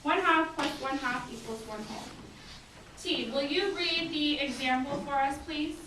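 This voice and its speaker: A woman's voice: high-pitched, measured pace. A woman speaking as a teacher to her class, firm and directive, checking that students respond. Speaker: geometry teacher. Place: indoor classroom. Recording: echoey classroom, distant mic, faint noise.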